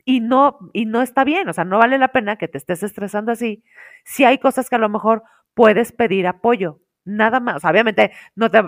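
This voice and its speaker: A woman's voice: fairly high pitch, no echo, clean studio sound. A woman with a Mexican accent in casual conversation, telling a story and acting out the lines of the people in it. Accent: Mexican Spanish. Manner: animated storyteller acting out quotes. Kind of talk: casual chat.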